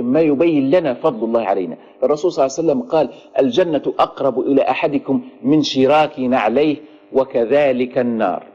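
A man's voice: medium pitch, dark tone, breathy edge. A man with a Libyan Arabic accent giving a religious lesson as a preacher, in conversational preaching style with rhetorical questions. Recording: dull lo-fi recording.

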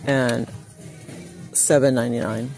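Loud music sits behind this woman's bass voice, which has fairly even intonation and a slightly slow pace. She's a shopping vlogger doing a chatty shop-with-me video in a large indoor store, reading out prices and talking to "you guys." Holding the phone while filming, she stays off camera, and store noise is clearly audible.

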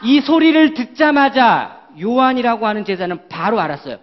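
A man preaches to children with a high, very lively voice that swoops up and down. He keeps asking the kids questions and sets up little role-plays. The sound is dull and lo-fi, like an old church recording. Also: moderate pace. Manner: animated, questions the children often. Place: church worship hall.

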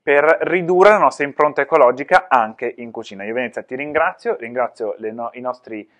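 A man hosts the conversation, mostly chiming in with brief agreement. He restates his guest's points in a few words and wraps up the episode. His voice is of ordinary pitch. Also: a little fast, fairly bright tone. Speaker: host. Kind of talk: conversational interview.

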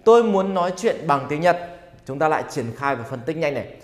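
A man's voice: on the high side, big pitch swings, brisk. A man teaching a grammar lesson in an upbeat way, asking students questions and having them repeat sentences. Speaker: Japanese language teacher. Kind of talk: grammar lesson for Vietnamese learners. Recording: echoey room with long reverb.

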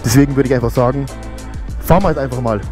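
A man's voice: racing, soft background music. A man with a Bavarian accent chatting casually while riding his motorcycle on mountain roads, swearing now and then and talking through a helmet mic. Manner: chatty, swears casually, rises in pitch when excited. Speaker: motovlogger.

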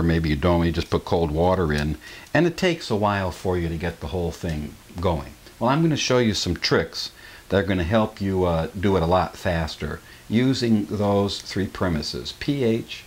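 A middle-aged man with a fairly low voice hosts his channel's casual kitchen demonstration, explaining each step in a folksy way full of fillers. It was filmed in a home kitchen on a camera microphone.

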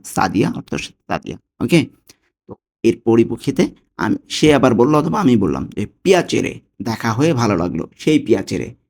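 A man's voice: mid-range voice, a little mellow, slightly rough. Patient male language teacher. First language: Bengali. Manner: patient, repeats each word slowly and checks in with "okay?". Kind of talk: step-by-step language lesson.

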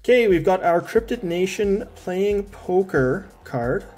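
A man's voice: high-pitched, animated, unhurried, darkish tone, soft background music. A man in pain and a little out of breath, chatting in a rambling way while he unboxes collectibles as a vlogger. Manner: chatty, rambling, with many restarts and fillers. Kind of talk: casual unboxing talk.

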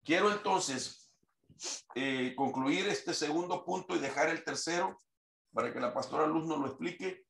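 A man's voice: a little high, gravelly, fairly bright tone, roomy sound. A man preaching a sermon, quoting scripture in a raised reading voice. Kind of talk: sermon teaching.

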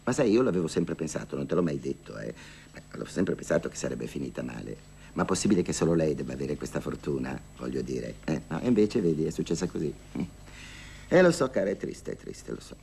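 A man's voice: a bass voice, big pitch swings, a little fast, creaky, dark tone, slight background noise, full character voice. An actor playing a lonely older woman who gossips and haggles on the phone in a theatrical monologue, sighing and wryly complaining. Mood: wistful. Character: lonely, wry older woman hiring a dance partner.

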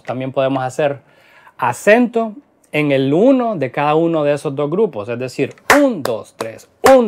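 A man's voice: mid-range voice, darkish tone. A man teaching a guitar lesson in Spanish, explaining rhythm patterns and counting beats aloud as he plays. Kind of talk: instructional lesson. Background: guitar playing.

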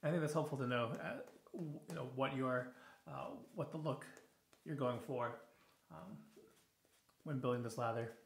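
In an echoey home bathroom, a man in his thirties hosts a shaving video, giving a casual product review as he shaves. It's evening and he sounds a little tired; his mid-range voice moves at a moderate pace with vocal fry, frequent pauses, fillers and restarts. The camera sits close on the counter, and a slight hiss or hum runs underneath.

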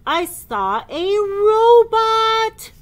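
A gloomy big elephant wails his sorrows loudly in a storybook read-aloud, as a woman puts him on. The voice sits high and draws every word out slowly. His manner is mournful and loud. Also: very animated, exaggerated voice. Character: sad gloomy male elephant, big and slow.

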